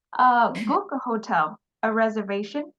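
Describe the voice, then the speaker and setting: A woman's voice: on the high side, slow, fairly bright tone, dull audio. A woman teaching an English lesson, patiently explaining and repeating example phrases.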